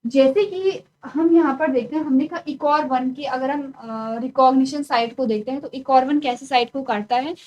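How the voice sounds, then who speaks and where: A woman's voice: high voice, poor audio. A woman teaching biology in a virtual classroom lecture, explaining step by step and answering her own questions. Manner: explains step by step, asks questions then answers them, frequent "ठीक है" check-ins. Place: studio classroom.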